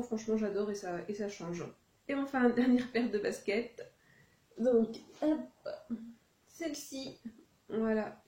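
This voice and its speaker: A woman's voice: mid-range voice, mellow. A woman casually chatting through a second-hand clothing haul, full of hesitations and self-corrections. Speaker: second-hand fashion vlogger. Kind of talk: casual haul video chat. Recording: echoey room.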